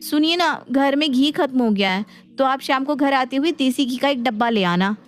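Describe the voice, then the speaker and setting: A woman's voice: high voice, moderate pace, lightly acted. A woman voicing a headstrong young daughter-in-law who talks back in a cartoon. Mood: sassy.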